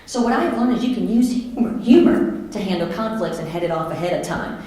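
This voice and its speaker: A middle-aged woman giving an animated, chatty storytelling keynote talk as a motivational speaker. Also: medium pitch, brisk. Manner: lively, conversational, animated. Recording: echoey hall.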